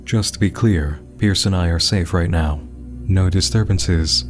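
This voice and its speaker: In a web horror mystery, a man voices a haunted, defiant investigator, giving a dramatic first-person account in a low, unhurried voice. His mood is wary, and music plays clearly beneath him.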